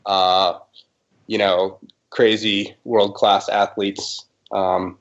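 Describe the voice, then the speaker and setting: A man's voice: fairly low pitch, flat delivery, drawn-out words, a bit bright, muffled recording. A man who helps organize a race, chatting casually and loosely over a video call, with plenty of fillers. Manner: laid-back, full of fillers. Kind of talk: casual podcast chat.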